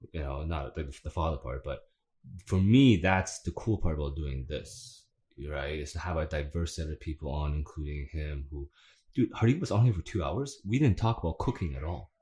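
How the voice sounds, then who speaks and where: Young man, podcast host, very deep voice, rambling casual chat. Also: dark tone. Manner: rambling, hesitant, many fillers.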